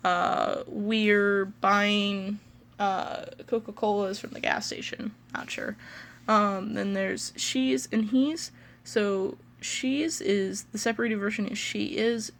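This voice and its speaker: A woman with a Midwestern American accent talks through pronunciations at an unhurried, halting pace, filling her gaps with ums. Her voice has a gravelly, creaky edge, and her pitch sits in the middle of a woman's range. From United States. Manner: slow and hesitant, many ums and pauses. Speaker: pronunciation video host. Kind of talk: casual explanatory teaching.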